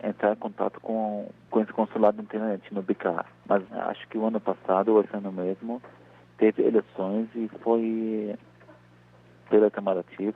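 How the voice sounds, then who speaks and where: A man's voice: fairly low pitch, husky. A man from Brazil calling in from abroad and telling his experience in a plain, matter-of-fact way. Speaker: emigrant caller. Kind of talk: testimony over a phone line. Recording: tinny phone line.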